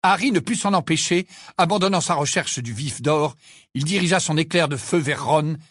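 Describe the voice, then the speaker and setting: A man reading a novel aloud as an audiobook narrator, with expressive storytelling. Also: a little high, normal speed, dry recording, clean studio sound. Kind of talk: scripted narration.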